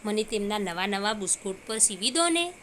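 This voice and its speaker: A woman's voice: mid-range voice, big pitch swings, a little fast, fairly bright tone, slight background noise. A woman voicing a small, eager cloth pocket in a children's story, speaking in a sweet, pleading way.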